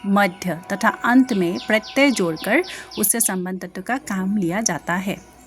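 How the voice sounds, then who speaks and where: A woman's voice: medium pitch, a little slow, faint music behind. A woman teacher explaining grammar notes in a lecture, with many fillers and checks on understanding. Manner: explains each example, asks "ठीक है ना" often, many fillers. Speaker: Hindi teacher.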